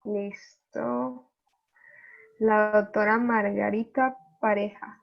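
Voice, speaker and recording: Slow, gravelly woman reading out names. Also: mid-range voice, steady tone. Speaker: webinar platform assistant. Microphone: video call. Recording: lo-fi video call audio.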